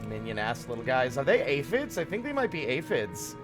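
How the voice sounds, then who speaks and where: A man's voice: medium pitch, very animated, fairly quick. A man streaming a video game, chatting loosely and swearing freely as he plays. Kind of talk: casual live gameplay commentary. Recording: game music behind.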